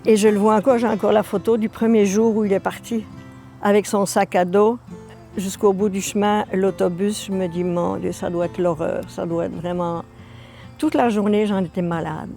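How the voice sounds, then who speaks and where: An older woman from Belgium, telling her immigration story in a documentary with lively, repetitive emphasis. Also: mid-range voice, normal speed, gravelly, faint music behind. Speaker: interviewee. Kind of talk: documentary testimony.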